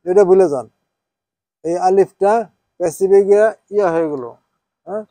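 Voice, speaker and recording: High-voiced man teaching a class. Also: moderate pace, dark tone, dry recording. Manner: checks with students, asks "হ্যাঁ?" often; switches between Bengali and English, spells Arabic out. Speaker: Quran teacher. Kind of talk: informal class lesson.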